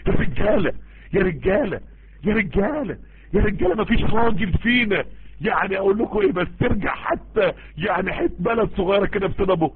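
Egyptian male preacher, husky and high-pitched, racing through a pleading, repetitive appeal. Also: expressive, fairly quick. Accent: Egyptian Arabic. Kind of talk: impassioned online sermon. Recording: tinny phone-like voice-chat audio.

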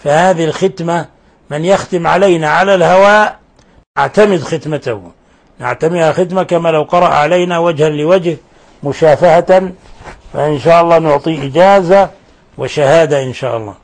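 A man's voice: a little high, fairly quick. A middle-aged man hosting a radio lesson, patiently correcting callers' pronunciation with repeated examples. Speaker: host and recitation teacher.

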